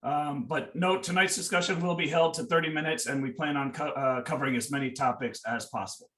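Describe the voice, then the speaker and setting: A man's voice: on the high side, fairly even intonation, brisk, a bit bright, recorded from a distance. A man hosting a school information session over a video call, easygoing and casual with many "uh"s and "um"s. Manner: easygoing, with frequent "uh" and "um". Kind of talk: moderating a video-call panel. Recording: echoey room, away from the mic.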